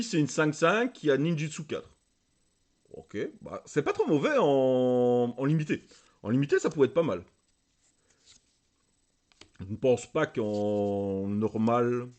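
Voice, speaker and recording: A man hosting a casual video, opening trading card packs, gushing over the cards and reading their text aloud with lots of fillers. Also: fairly high pitch. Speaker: channel host opening booster packs.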